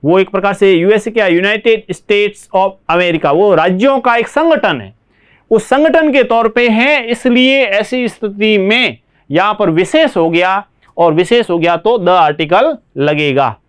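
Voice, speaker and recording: Higher-pitched Indian man teaching English. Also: animated, clean tone. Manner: explains slowly, checks understanding with frequent rhetorical questions. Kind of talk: classroom lesson.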